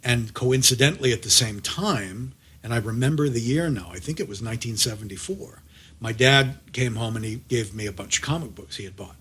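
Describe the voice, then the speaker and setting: A middle-aged American man, a podcast host and audio drama producer, runs a conversational interview, chatty and rambling, often circling back mid-sentence. His voice is medium-pitched, brisk, husky and fairly bright.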